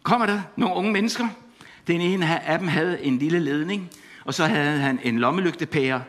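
A man's voice: fairly high pitch, fairly bright tone. A middle-aged man preaching a sermon, passionate and full of repeated exclamations, telling stories from his life. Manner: impassioned, repetitive exclamations; storytelling with laughter.

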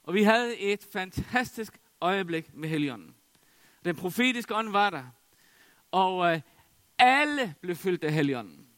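A man's voice: sits high, expressive, fairly bright tone, no echo. A middle-aged man preaching a sermon, telling a story with many fillers and restarts. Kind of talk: sermon testimony.

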